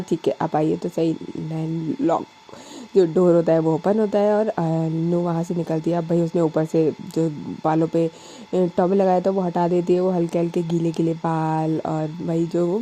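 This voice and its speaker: A woman's voice: fairly low pitch, dark tone, low-quality recording. A young woman narrating a love story in a chatty, casual way, mixing in English words and fillers.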